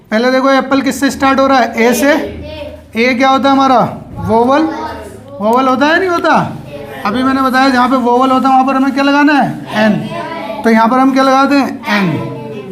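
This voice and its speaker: A woman teacher, giving a grammar lesson to children in a classroom. She asks questions and answers them herself, stretching out key words. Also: a little high. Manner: drawn out, slow words for emphasis.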